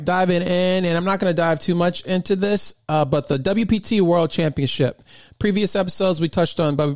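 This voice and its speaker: A man's voice: on the high side, darkish tone, no echo, clean studio sound. A man hosting his own podcast, talking casually and enthusiastically, rambling with lots of fillers and restarts. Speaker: podcast host. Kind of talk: casual solo podcast talk.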